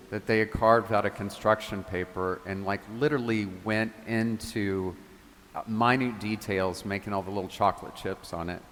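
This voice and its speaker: A man with a fairly low voice delivers a homily in a church, talking like he's chatting with friends. He tells stories with casual asides. The sound rings with a long reverb from the large space around him. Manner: conversational, animated storytelling with casual asides. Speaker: parish priest.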